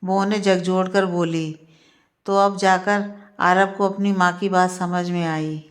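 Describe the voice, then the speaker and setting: A woman narrating a Hindi story in a steady, even reading manner. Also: fairly low pitch, unhurried.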